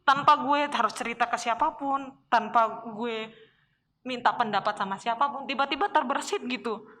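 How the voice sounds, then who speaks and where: Young woman, podcast guest, candid emotional storytelling, high bright voice. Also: moderate pace, a little hiss or hum. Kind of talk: personal life story in casual chat.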